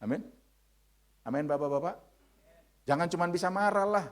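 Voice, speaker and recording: A man in his thirties preaching a sermon in a church, forceful, dropping to hushed lines and rising to shouted ones. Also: fairly high pitch, normal speed. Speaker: pastor. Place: church sanctuary.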